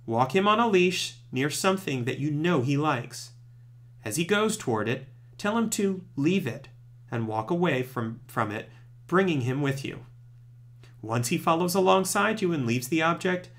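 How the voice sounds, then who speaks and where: Male presenter for scripted tutorial narration. Strongly varied intonation, pitch a touch above average, clear instructional delivery. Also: fairly bright tone. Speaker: presenter of puppy training tips.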